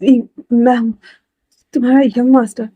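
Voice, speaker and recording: Anguished, stammering young alpha, done by a female storyteller; slightly high, mellow. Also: level tone, normal speed, no echo, dull audio, lightly acted. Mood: anguished insistence. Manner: stammering, insistent, then soft and coaxing.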